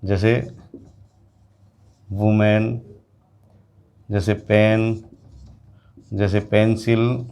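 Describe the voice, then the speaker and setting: A man teaching an English grammar lesson to students, explaining slowly and repeating example words. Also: lowish voice, level tone, darkish tone, clean tone. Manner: slow, repetitive explaining, addressing students directly.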